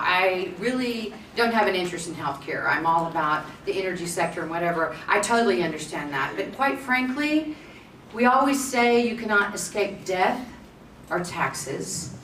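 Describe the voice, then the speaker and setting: A woman's voice: fairly low pitch, fairly bright tone. A woman moderating a conference panel, chatty and joking. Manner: chatty, joking, self-deprecating. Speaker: panel moderator, state representative. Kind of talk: public speaking at a panel. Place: conference room. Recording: roomy, distant mic, faint noise.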